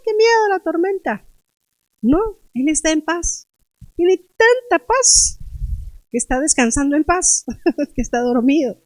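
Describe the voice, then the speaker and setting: A woman's voice: fairly high pitch, no echo. A woman preaching a sermon in a conversational way, asking the congregation questions and acting out frightened cries. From Guatemala. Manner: dramatic, acts out frightened cries.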